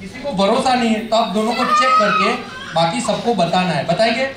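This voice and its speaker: A man's voice: high voice, normal speed. Echoey male kids' party magician, playful and teasing. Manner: playful teasing, coaxing children with questions and repeated instructions; projecting loudly to a party audience. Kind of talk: live kids' magic show patter. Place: large echoey indoor party hall. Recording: echoey hall from afar, loud party crowd noise.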